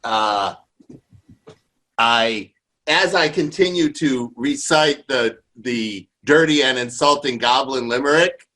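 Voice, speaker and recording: A man playing a tabletop game, excitable and joking as he describes his character's antics. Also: medium pitch, takes it slowly, low-quality recording. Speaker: player.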